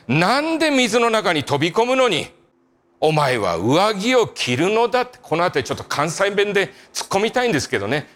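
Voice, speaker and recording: A man preaching a sermon as a pastor, telling a story with lively emphasis that sinks to quiet, soft endings. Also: high voice.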